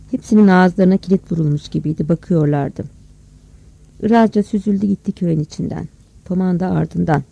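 Gravelly, dark-voiced story narrator. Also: medium pitch, no room sound, dull audio. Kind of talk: audiobook story reading. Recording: dry close recording.

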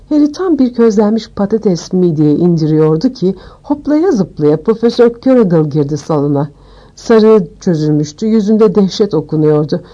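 A woman reading an audiobook aloud with expressive storytelling. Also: on the low side, dull audio. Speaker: audiobook narrator. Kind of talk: scripted audiobook narration.

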